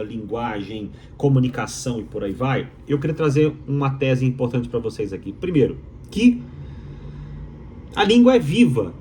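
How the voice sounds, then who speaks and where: His medium-pitched voice has a darkish tone, and there's slight background noise. He's a Mineiro-accented doctoral student from Minas Gerais, Brazil, emphatically and rhetorically explaining his opinions to viewers while repeating his key phrases.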